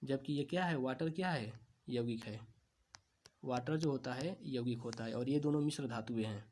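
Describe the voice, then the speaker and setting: A man teaching exam questions, asking each answer back as a question and then repeating it, stretching key terms slowly. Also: mid-range voice, a little mellow. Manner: slow, drawn-out stresses on key terms. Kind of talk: quiz-answer lesson.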